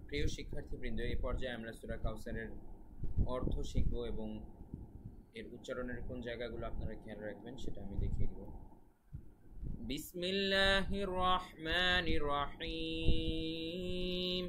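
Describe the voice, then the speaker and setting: A man's voice: medium pitch, fairly even intonation, quick pace, very noisy. A man teaching students recitation rules step by step, in a polite, explanatory lesson tone. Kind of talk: recorded lesson.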